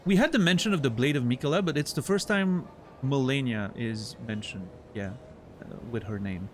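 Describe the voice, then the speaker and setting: A man with a French accent, a native French speaker, keeps up relaxed livestream commentary while gaming, thinking aloud and reacting to chat with playful mock outrage. His mid-range voice has lively intonation and a moderate pace, with a noisy background behind it.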